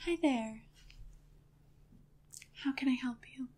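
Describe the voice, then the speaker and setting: A woman playing a friendly shoe store clerk in a whispered role-play, soft, gentle and attentive. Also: sits high, takes it slowly, slight background noise. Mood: gentle, helpful.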